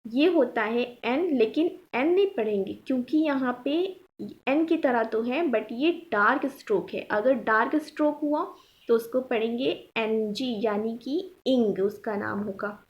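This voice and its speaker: Woman teaching shorthand, slow and patient, keeps asking if you got it. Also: a little high, dull audio. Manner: patient, repeats points and checks understanding. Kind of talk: step-by-step tutorial explanation.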